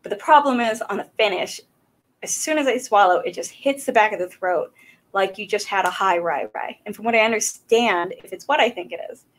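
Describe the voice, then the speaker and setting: Fairly quick and mid-range in voice, this Southern woman in her thirties from South Carolina chats casually on a whiskey livestream from her small home room. Her talk wanders, with lots of fillers, picked up by a boom-arm desk microphone.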